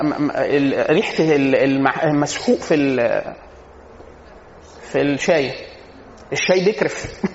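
A man's voice: high voice, a little hiss or hum. A man with an Egyptian accent giving a casual religious lecture on family life. He talks with humor and keeps answering his own rhetorical questions. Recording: echoey hall, dull lo-fi sound.

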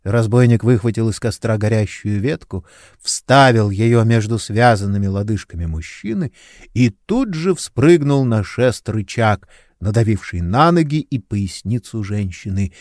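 A male audiobook narrator reads a dark fantasy with dramatic expression. His pitch rides up and down in lively curves, recorded close and dry with no room sound. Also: measured pace, no room sound. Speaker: audiobook reader.

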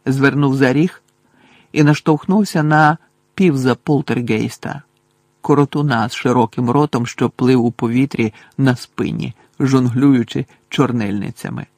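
A man narrating an audiobook in an even, measured storytelling voice. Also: medium pitch, no room sound.

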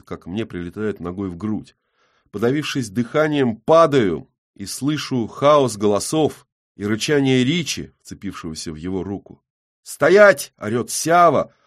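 A man reading a first-person audiobook with gritty, tense storytelling. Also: on the low side. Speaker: audiobook narrator.

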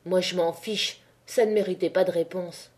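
A woman's voice: on the low side, steady tone, normal speed, a little mellow, close to an everyday voice. A woman reading an audiobook, voicing a stern, blunt miner's wife of about forty who speaks frankly and unyieldingly.

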